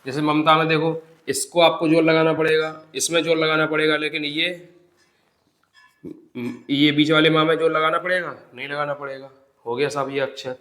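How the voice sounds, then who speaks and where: A man's voice: on the high side, level tone, moderate pace, a bit bright. Echoey male Hindi grammar teacher. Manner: explains step by step, repeats definitions, asks rhetorical questions; addresses students as "bhai". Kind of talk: exam-prep classroom lesson. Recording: echoey classroom sound.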